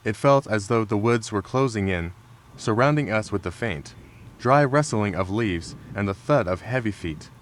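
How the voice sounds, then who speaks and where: A man narrating true scary stories in a measured, calm storytelling manner. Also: on the low side. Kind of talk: scripted narration. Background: rain sounds.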